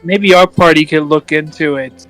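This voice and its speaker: A man's voice: fairly high pitch, steady tone, normal speed, a bit bright, soft background music, poor audio. Hesitant man playing a tabletop game. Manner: hesitant, teasing. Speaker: player. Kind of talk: in-character tabletop game play.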